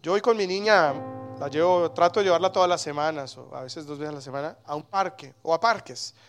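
A man in his thirties preaching a sermon as pastor, animated, with sudden loud exclamations. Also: fairly high pitch, a little fast, faint music behind.

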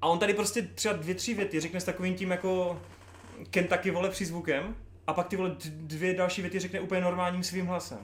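A man co-hosting a casual podcast chat, laughing loudly and swearing casually. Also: high-pitched, flat delivery. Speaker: podcast co-host. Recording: roomy echo with faint noise.

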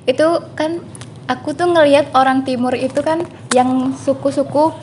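Guest: young woman from Java, easygoing, slightly high voice, muses as she talks. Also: moderate pace, slight background noise. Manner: relaxed, thinking aloud with fillers. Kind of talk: casual interview chat.

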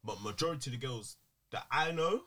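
A man's voice: medium pitch, expressive, brisk, bright, forceful tone. A man with a London roadman style British urban accent, chatting casually on a podcast in emphatic, repetitive street slang. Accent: British urban street (London roadman style MLE).

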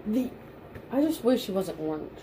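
A young woman chats casually as a podcast co-host. Her pitch sits in the middle for a woman, and she is informal and emphatic. A faint layer of room noise runs behind her. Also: moderate pace, rough recording. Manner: informal, emphatic repetition, mild swearing. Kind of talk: casual chat. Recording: steady background noise and room ambience.

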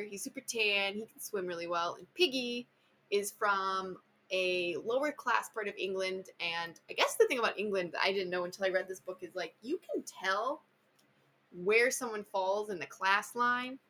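A woman's voice: medium pitch, moderate pace, pushed and bright, slight background noise. A woman hosting a casual book chat, enthusiastic and chatty, full of filler words. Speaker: podcast host.

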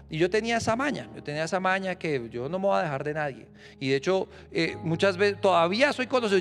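A man preaching a sermon as pastor, rising to loud emphatic declarations and dropping to a personal storytelling tone. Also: high voice.

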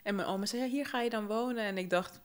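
A young woman from Suriname in casual conversation, telling childhood stories with energy. Her pitch sits in an ordinary middle range. She laughs readily and slips into playful voices for the people she quotes. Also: fast. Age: young adult. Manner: lively storyteller, acts out quoted voices, laughs often. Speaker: podcast co-host. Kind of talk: casual chat.

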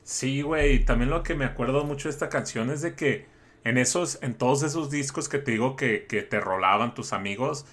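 A man's voice: mid-range voice, moderate pace, fairly bright tone. A Mexican man chatting casually and informally as a podcast co-host, using plenty of slang. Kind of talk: casual chat.

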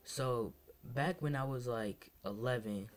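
Speaking slowly at a medium pitch, a young Massachusetts man rambles through his first solo podcast episode. He sounds tired and low on energy, his casual monologue full of hesitation, fillers, and restarts.

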